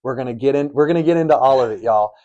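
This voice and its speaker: A man's voice: mid-range voice, racing, warm tone, highs cut off. A middle-aged man co-hosting a faith podcast, telling stories in an earnest, preachy way. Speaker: podcast co-host. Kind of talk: faith-based podcast chat. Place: studio in Arizona.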